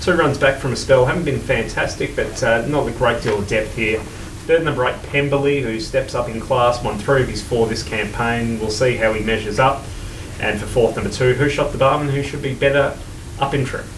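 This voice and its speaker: A man's voice: mid-range voice, fairly quick. A man working as a racing tipster, giving horse form analysis and selections in conversation. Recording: roomy, distant mic, faint noise.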